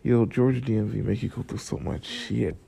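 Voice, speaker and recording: His mid-range voice swoops wildly in pitch, and he talks briskly with a creaky, mellow, husky sound. The speaker is a young Florida vlogger with a groggy morning voice, rambling casually and profanely about work and money while drifting between stories and life lessons.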